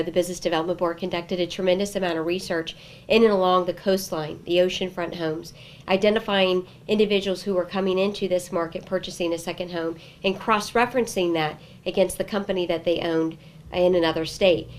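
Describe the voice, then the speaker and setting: A woman's voice: on the low side, steady tone, fairly quick, slight background noise. A woman with an American accent giving formal, explanatory answers as an executive interviewee. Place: office interview.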